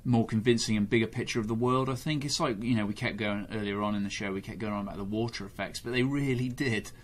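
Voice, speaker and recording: Male host, low voice, measured and hesitant, casual chat. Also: a little hiss or hum. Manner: measured, hesitant, many ums.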